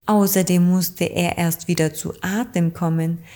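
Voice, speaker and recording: Slow, mellow-voiced woman storyteller. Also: lowish voice. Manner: calm, slow, gentle narration. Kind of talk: children's story reading.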